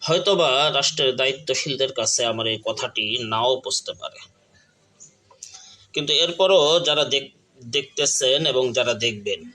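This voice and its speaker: A man's voice: medium pitch, pushed and bright, poor audio. A man giving an earnest talk straight to his viewers, stumbling over words now and then and stressing each example as he lists it. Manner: earnest, speaks with restarts and stammered words. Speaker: speaker of an online channel. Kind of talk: direct-to-camera political talk.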